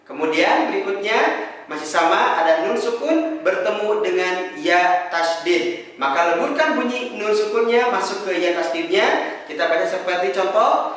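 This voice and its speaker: A man with an Indonesian accent teaching Quran reading, articulating deliberately and over-enunciating each syllable as an instructor. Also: sits high, expressive, a bit bright. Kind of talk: instructional lesson with chanted examples. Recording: very echoey room, distant microphone.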